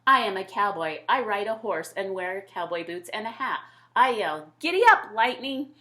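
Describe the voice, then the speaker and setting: Taking on the role of a boastful, imaginative little boy from a storybook, a woman excitedly and emphatically proclaims his dress-up adventures. Her medium-pitched voice has lively intonation and a sharp tone, delivered at a moderate pace.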